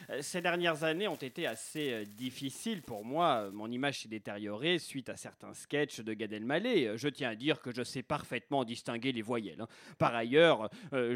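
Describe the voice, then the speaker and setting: A man's voice: medium pitch, fairly bright tone, no room sound, voice pushed down, natural voice. A man voicing the North African French accent as a hurt, defensive character, speaking with that accent.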